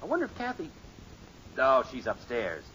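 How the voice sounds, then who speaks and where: A man's voice: medium pitch, huge pitch swings, normal speed, pushed and bright. An actor playing a flustered middle-aged suburban father in a 1950s radio sitcom. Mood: worried. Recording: muffled, noisy old 1950s radio recording.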